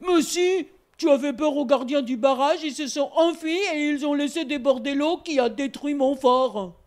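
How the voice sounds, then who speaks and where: A hot-tempered bear warrior from a storybook, read aloud by a woman, blusters and threatens in a high yet mellow voice. He is proud and stubborn and will not be talked out of his anger. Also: normal speed, close to an everyday voice. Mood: angry.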